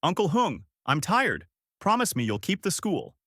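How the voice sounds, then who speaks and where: A man voicing a determined village schoolteacher woman who shouts and pleads in a story. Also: medium pitch, huge pitch swings, moderate pace, dry recording, studio quality. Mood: desperate shouting.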